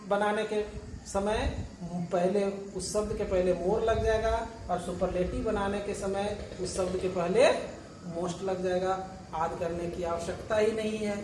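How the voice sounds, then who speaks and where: A male teacher works unhurriedly through a grammar lesson, posing questions and answering them himself while patiently repeating and spelling out each word step by step. His high-pitched, slightly mellow voice comes from a few steps off the mic in a roomy, echoing classroom with faint hiss.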